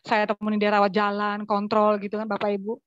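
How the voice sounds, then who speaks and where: A woman's voice: mid-range voice, monotone, brisk, dry recording, dull audio. A woman from West Sumatra giving an earnest church testimony, often turning to address her listeners directly. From West Sumatra, Indonesia. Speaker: testimony speaker.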